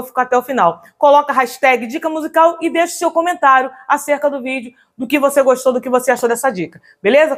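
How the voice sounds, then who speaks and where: Woman, high voice, vocal coach, upbeat didactic online lesson.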